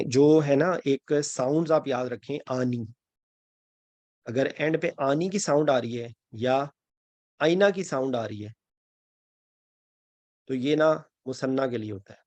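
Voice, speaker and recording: A man's voice: mid-range voice, darkish tone, no echo. A male teacher giving an online grammar class, explaining step by step and checking in with his students as he goes. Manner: mixes English phrases into Urdu. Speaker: Quran and Arabic grammar teacher.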